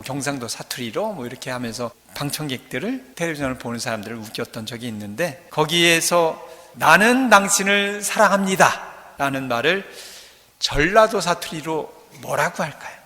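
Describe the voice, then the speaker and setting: Guy priest doing a sermon, bright forceful voice, jokey, acts out little lines, big church echo. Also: medium pitch. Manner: playful, acts out dialogue and dialect jokes. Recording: echoey church with long reverb.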